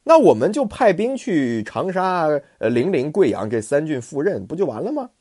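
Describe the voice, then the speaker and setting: A man voicing a quick-tempered male ruler in a told classic tale, scolding loudly and impatiently. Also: a little high, very animated, no echo, studio quality, pitched above the performer's own voice. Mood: commanding.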